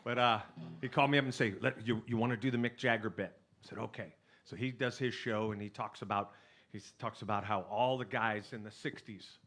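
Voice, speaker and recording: Chatty bright-voiced man telling stage stories. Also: on the low side. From California. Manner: chatty, jokey, animated, with laughs and restarts. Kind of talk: stage storytelling with jokes. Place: live stage with audience.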